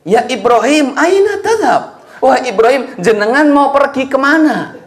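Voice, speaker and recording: An anxious young mother asks again and again where her husband is going, as a male preacher puts her on. Her voice rises high above his own in a pleading question, with a soft Javanese lilt. The sound rings in an echoey room. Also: expressive, unhurried.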